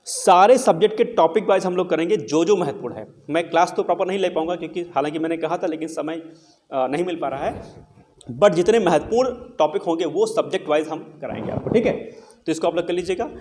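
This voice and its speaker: A man's voice: fairly high pitch, quick pace, darkish tone. Male teacher who quizzes himself aloud. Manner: repeats questions and answers them himself; casual, encouraging. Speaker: exam coaching teacher. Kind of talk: explaining vocabulary to students.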